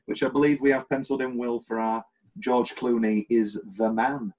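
A man's voice: medium pitch, steady tone, normal speed, a little mellow, low-quality recording. A British man hosting a casual film podcast, rambling and jokey as he runs through favourite scenes. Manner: rambling, jokey, quotes scenes in funny voices. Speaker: podcast host.

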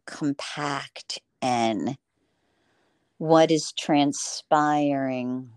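A woman from Philadelphia talking reflectively in a relaxed conversation, acting out her own shouting when she tells stories. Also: extremely low pitch, drawn-out words, clean tone, no echo, clean studio sound. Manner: animated storyteller, acts out her own shouting.

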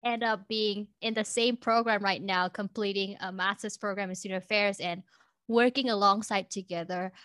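A woman's voice: medium pitch, steady tone, normal speed, a bit bright, clean tone, no room sound. Polite woman hosting a podcast. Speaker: podcast host. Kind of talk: scripted intro, then interview hosting.

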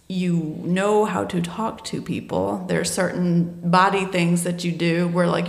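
A woman's voice: lowish voice, creaky. A woman who works as a wedding coordinator, chatting casually in a group discussion and laughing easily. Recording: echoey room.

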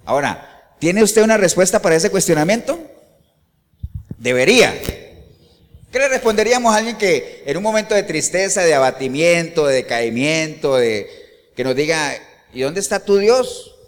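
A male pastor preaches with a lively, swinging delivery and throws rhetorical questions out to his congregation. His voice sits a little high for a man. The sound carries a long reverb, as in a hall. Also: normal speed, long pauses. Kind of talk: sermon.

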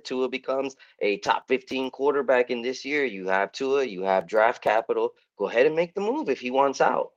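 A man with a lowish voice co-hosts a sports podcast. He delivers his opinions emphatically. The sound is dull and lo-fi. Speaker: podcast co-host. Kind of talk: casual sports chat.

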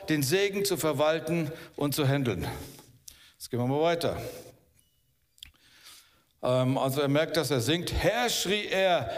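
A pastor delivers a sermon in a loose, conversational way, often turning to the congregation with quick asides. His voice sits a little high for a man. The sound rings with the long reverb of a church hall. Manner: conversational preaching, frequent "okay?" and "ja?" asides.

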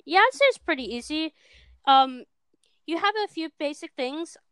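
A seventeen-year-old girl from Minnesota, appearing as a guest, chats about her animation work in a high, animated voice at a moderate pace, full of ums and self-deprecating remarks. Her tone is fairly bright, and the dry, studio-quality recording was made on a cheap microphone.

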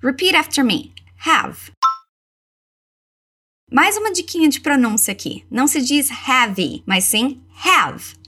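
A Brazilian woman teaching English, modelling phrases slowly for learners to repeat. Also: high-pitched, big pitch swings, a bit bright. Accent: Brazilian Portuguese. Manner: slow, deliberate model pronunciation. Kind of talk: language lesson with repeat-after-me drills.

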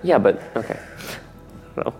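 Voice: brisk, mellow. A tabletop game player chatting casually and talking in character about the game. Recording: reverberant hall, faint music behind.

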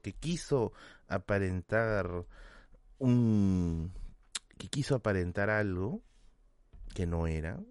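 A man with a Lima Peruvian accent, a podcast host telling a self-mocking anecdote in a casual, animated way. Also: on the low side, no echo. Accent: Peruvian Spanish, Lima.

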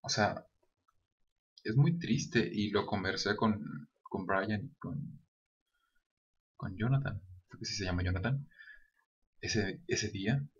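Speaking slowly and pausing often, a young man with a fairly low voice and a Mexican Spanish accent tells his viewers a personal story with earnest sincerity. He's a vlogger talking casually to camera, and the audio is dull and lo-fi.

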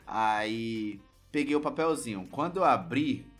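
A man's voice: mid-range voice, measured pace, soft background music. Man with a Brazilian accent, casual storytelling. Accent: Brazilian Portuguese. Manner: lively, swears freely, acts out his childhood self.

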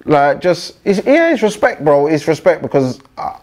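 London roadman chatting, slightly high voice. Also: sing-song, normal speed, a little mellow. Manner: street slang with frequent tag questions. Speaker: podcaster being interviewed. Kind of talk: casual podcast chat.

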